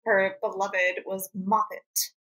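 A woman hosting a podcast, running a playful animal trivia quiz with frequent laughter and quick asides. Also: medium pitch, flat delivery, bright, forceful tone, poor audio. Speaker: podcast host and producer. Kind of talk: casual quiz chat.

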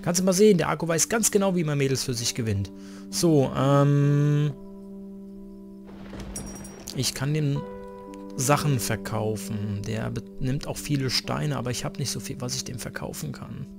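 A man's voice: medium pitch, normal speed, gravelly, music in the background. A man hosting a let's play, chatting casually through his gameplay with lots of fillers. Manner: chatty, filler-heavy, talks to himself.

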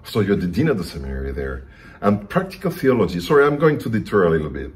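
A man's voice: deep voice, sing-song, fast talker, slight background noise. A middle-aged man interviewing a guest at a conference, friendly, with many short acknowledgements. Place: indoor conference room.

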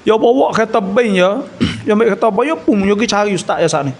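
A man with a Kelantan Malay accent giving a religious talk, telling a story with acted-out dialogue and frequent throat clearing. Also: high-pitched, fast talker. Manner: animated storyteller, acts out dialogue. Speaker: religious lecturer.

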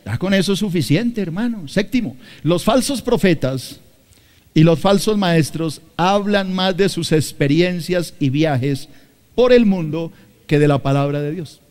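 A man's voice: a little high, expressive, measured pace, a little mellow. A man from Colombia with a Bogotá accent, preaching a sermon emphatically to his congregation, repeating phrases and addressing them directly. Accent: Colombian Spanish, Bogotá. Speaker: pastor.

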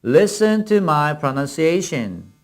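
Man, Korean native speaker, English teacher, slow deliberate delivery, drilling phrases. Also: on the high side, big pitch swings. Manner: slow, carefully enunciated English model phrases between brisk explanations. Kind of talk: language lesson with repeat-after-me drills.

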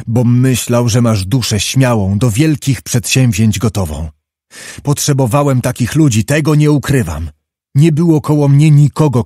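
A man's voice: medium pitch, mellow, dry recording, studio quality, lightly acted. A man voicing a proud, embittered middle-aged prince who pleads and commands with grave passion. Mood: bitter.

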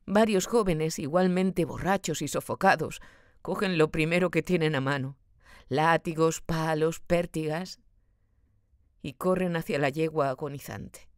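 A woman narrating a literary audiobook in a slow, measured, dramatic and expressive way. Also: sits low, no echo, clean studio sound.

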